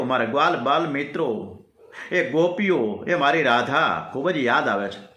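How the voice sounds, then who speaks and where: A man's voice: a little high, pushed and bright. A man voicing a divine male lord who is homesick and grieving, speaking in a tender, sorrowful, confiding way. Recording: roomy echo.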